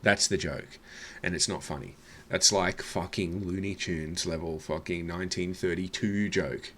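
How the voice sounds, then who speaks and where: A man's voice: low-pitched, fairly even intonation, normal speed, heavy background noise. A man mocking a comedy set as a reaction host, swearing freely and sneering. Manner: mocking, swears freely, calls people love. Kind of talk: sarcastic reaction commentary.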